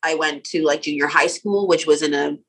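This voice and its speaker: A woman's voice: deep voice, a little fast, fairly bright tone, breathy edge, poor audio. A woman from Nova Scotia, a guest in an interview, talking casually with lots of "like" and "um" fillers. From Canada (Nova Scotia). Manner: casual, many "like" and "um" fillers, laughs often.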